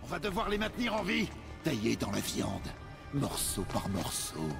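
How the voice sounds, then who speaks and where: A man's voice: medium pitch, huge pitch swings, normal speed, vocal fry, over music. A man playing a hungry, sinister flesh-eating raider in a video game, gloating as he talks. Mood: gloating menace.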